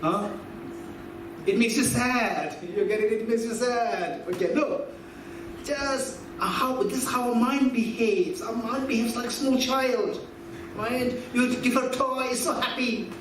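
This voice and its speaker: A man's voice: very high-pitched, a little slow. A man in his fifties teaching Buddhist philosophy to an audience in a conversational way, quizzing listeners and repeating key phrases. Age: 50s. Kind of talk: teaching talk with audience questions. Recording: echoey hall from far off with background noise.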